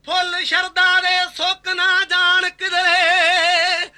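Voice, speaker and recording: Bright, high-voiced man chanting folk verse. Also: completely flat delivery, slow pace, faint music behind. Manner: chanting rhymed comic verse. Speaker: kavishri singer. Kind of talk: sung Punjabi folk verse duet.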